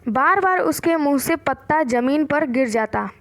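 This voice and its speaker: High-voiced woman teacher telling a story. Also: expressive, normal speed. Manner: repeats and explains each line simply. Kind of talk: storybook lesson for young children.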